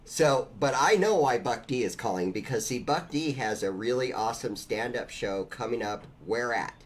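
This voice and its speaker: A man's voice: medium pitch, animated, normal speed, a little hiss or hum. A man hosting a live call-in show, upbeat and laughing often. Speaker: host. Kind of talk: casual live call-in chat.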